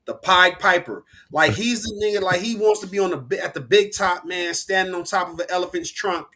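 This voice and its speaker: A man co-hosting a casual sports podcast, animated and rambling, with slang and frequent restarts. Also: sits high, a little fast. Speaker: podcast co-host.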